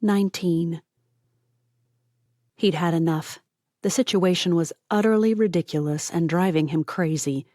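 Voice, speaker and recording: A woman's voice: fairly low pitch, a little slow, pauses often, warm tone, no echo, studio quality. A woman narrating an audiobook, voicing each character and dropping to a whisper for tense lines.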